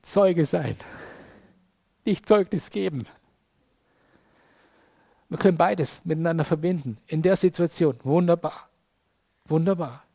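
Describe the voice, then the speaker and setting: A man's voice: a little high, a little slow, vocal fry, pauses often, warm tone. Conversational man preaching a sermon. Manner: casual, conversational preaching with frequent tag questions.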